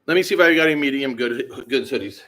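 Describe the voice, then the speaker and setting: A relaxed man talks on a livestream from his bike shop workshop, easygoing and slangy. He rambles through fillers and half-finished thoughts as he answers viewers, his pitch sitting in an ordinary middle range. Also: fast. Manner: laid-back, rambling, slangy with many fillers. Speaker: BMX shop owner hosting a livestream.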